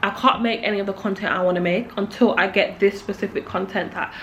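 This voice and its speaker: A young woman talks casually to camera with a lisp, as if her swollen cheek stops her mouth closing fully. Her pitch is average, and she rambles in a candid, slangy way. There is faint noise behind her. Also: steady tone, quick pace, fairly bright tone. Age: young adult. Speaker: video creator.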